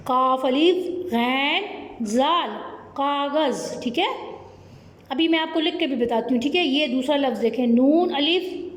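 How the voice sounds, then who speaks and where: Pakistani urdu accent, woman teacher, high voice, slow patient spelling, echoey room. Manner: slow, patient spelling out of letters, repeating "ठीक है?". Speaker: primary school teacher. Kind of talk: online class lesson.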